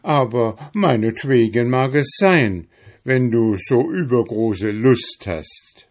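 A man's voice: mid-range voice, lively intonation, slow pace, darkish tone, pitched above the performer's own voice. A man voicing a proud, scoffing male hare in a fairy tale. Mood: mocking. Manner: scoffing, lofty.

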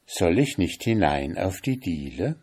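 A man's voice: low voice, sing-song, a little slow, darkish tone, husky, exaggerated voice. A man voicing a coaxing, enchanted male snake in a storybook reading, begging in a wheedling way.

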